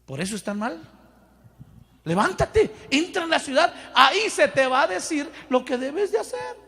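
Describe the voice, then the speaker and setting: A man preaching a fervent sermon with a Mexican Spanish accent, often shouting and calling on the congregation to repeat after him. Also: extremely high pitch, very animated, normal speed, creaky, long reverb tail.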